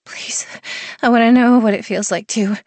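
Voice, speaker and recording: A woman narrator voicing an eager young woman with breathy, pleading, breathless replies. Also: on the high side, steady tone, moderate pace, darkish tone, no echo, pitched above the performer's own voice, close to an everyday voice.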